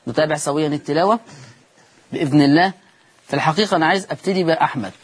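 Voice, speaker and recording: Racing along in a slightly high, breathy voice, an Egyptian-accented man teaches Quran recitation rules on TV from a studio. He demonstrates every reading and answers the questions he poses himself.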